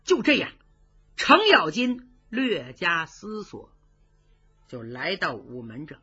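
A woman's voice: lowish voice, huge pitch swings, slow pace, sharp tone, breathy edge. A woman telling a traditional story in a vivid, rhythmic manner, voicing sound effects. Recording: dull lo-fi recording.

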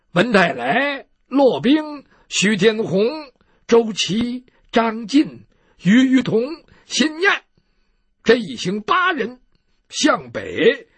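A male storyteller tells a martial tale in a husky, high-pitched voice. His delivery is rhythmic and dramatic, and the sound is close and dry. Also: no room sound. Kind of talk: traditional storytelling.

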